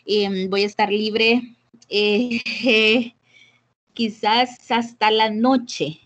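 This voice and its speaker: A woman's voice: on the high side, steady tone, drawn-out words, fairly bright tone. A woman with a Salvadoran Spanish accent teaching an English class over a video call, switching between Spanish and English and questioning students. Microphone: computer mic on a video call.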